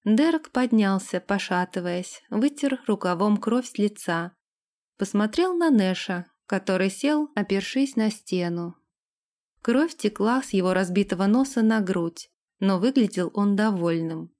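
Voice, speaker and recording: A woman reading a fantasy novel aloud in steady, expressive scripted narration. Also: mid-range voice, a little slow. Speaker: audiobook narrator.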